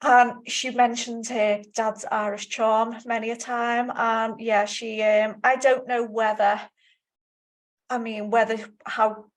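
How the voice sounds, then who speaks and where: Woman cohost, slightly high voice, rambly film chat. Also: little pitch movement, slow pace. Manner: rambling, restarts sentences. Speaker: podcast co-host. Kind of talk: casual film discussion.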